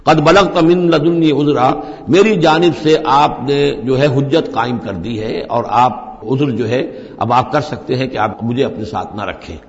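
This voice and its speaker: A male religious teacher giving a scripture commentary lecture. He recites verses slowly and then explains them at length. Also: medium pitch. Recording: dull lo-fi recording in a reverberant hall.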